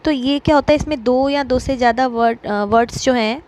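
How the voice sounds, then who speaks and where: A woman teaching an exam-prep lesson, explaining step by step with frequent filler pauses. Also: high-pitched, a little mellow, rough recording.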